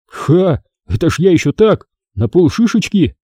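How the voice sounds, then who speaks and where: A burly, blunt country villager in an audiobook, as a male narrator puts him on, his voice pushed higher and louder than the reading. He bursts out in coarse, folksy phrases. The voice stays dark and husky in a dry recording. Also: big pitch swings, moderate pace, dry recording. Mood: indignant.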